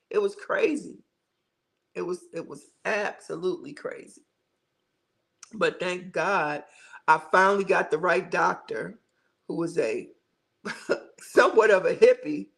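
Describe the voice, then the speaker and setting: A middle-aged woman hosts a relaxed livestream from her home. Her voice has a gravelly, fry-tinged texture at an average pitch. She talks casually, repeats words for emphasis and reads viewer comments aloud. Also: low-quality recording. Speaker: livestream host.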